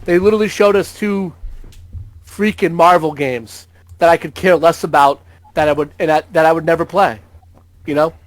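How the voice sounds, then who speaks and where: A man's voice: a little high, normal speed, dry recording. A man co-hosting a casual gaming podcast, joking about doom in an overly dramatic way. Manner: dramatic mock-doom humor. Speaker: podcast co-host.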